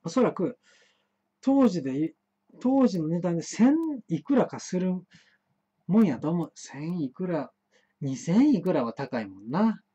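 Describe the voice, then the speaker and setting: A man's voice: a little high, sing-song, a little slow, warm tone, breathy edge. A man with a Kansai accent telling a rambling childhood story, full of stammered restarts and fillers. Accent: Kansai Japanese. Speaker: host of an internet talk show. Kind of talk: rambling solo monologue, storytelling. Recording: muffled live-stream audio.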